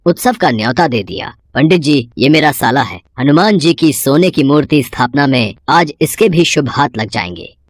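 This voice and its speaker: A woman's voice: a bass voice, expressive, moderate pace, no echo, clean studio sound. A woman voicing a bossy middle-aged village headman in a cartoon story. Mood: pleased. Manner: bossy, commanding.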